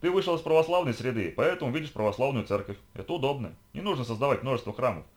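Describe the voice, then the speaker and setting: A man voicing a bold, bossy young girl who guides her companion, in a brisk, commanding way. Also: mid-range voice, lively intonation, pitched above the performer's own voice, close to an everyday voice. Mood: instructive.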